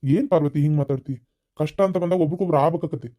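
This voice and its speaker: Guy doing a fast-talking calm cartoon father-in-law, north karnataka accent, dark mellow voice. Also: fairly high pitch, natural voice. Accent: North Karnataka Kannada. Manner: calm, soothing, reasoning. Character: patient older man, father-in-law.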